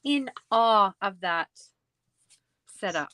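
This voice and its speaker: The host of a craft livestream chats casually as she crafts, giggly and rambling, in a Canadian accent. Her medium-pitched voice is animated yet slow, with a sharp, clean tone in a dry recording.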